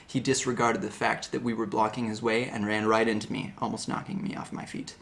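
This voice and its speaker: A man's voice: fairly low pitch, level tone, brisk, creaky, fairly bright tone. A man giving a hammy, theatrical dramatic reading of a story, like a stage actor. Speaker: reader of a story.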